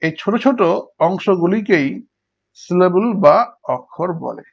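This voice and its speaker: A man's voice: high voice, lively intonation, unhurried, vocal fry. A male teacher explaining English prosody step by step to students and working through examples. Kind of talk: Bengali lecture on English prosody. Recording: dull lo-fi recording.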